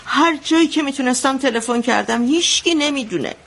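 An actress playing an anxious mother who recounts a bloody wedding in a radio drama, telling it vividly. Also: high voice. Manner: vivid storytelling, shouting out the quotes she retells.

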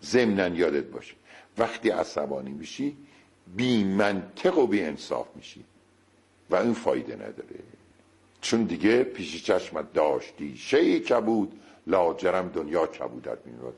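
A man's voice: gravelly, husky. A man giving a talk on negotiation, speaking straight to his listeners and turning to them often. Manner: lively, shifting pitch, speaks directly to listeners. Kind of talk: lecture-style talk.

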